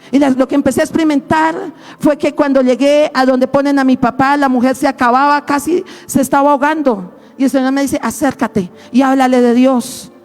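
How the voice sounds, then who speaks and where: Fervent high-voiced woman pastor. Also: darkish tone. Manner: storytelling, acts out voices, rising to fervent exclamations. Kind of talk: sermon.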